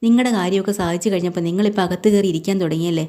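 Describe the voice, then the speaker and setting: A woman voicing a blunt, angry working-class man who speaks gruffly and curtly in a mellow, low voice. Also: rapid-fire, lightly acted. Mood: curt, irritated. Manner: gruff and curt.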